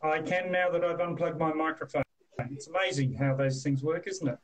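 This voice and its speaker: A man's voice: on the high side, steady tone, fairly quick. A man hosting a casual live interview, talking with many hesitations and fillers. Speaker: host. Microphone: live stream.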